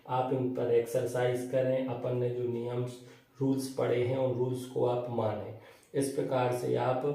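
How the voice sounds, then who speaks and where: A man's voice: medium pitch, warm tone. A male English teacher giving a grammar lesson in speech, who asks the class questions and answers them himself. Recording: echoey room, voice from far off, faint noise.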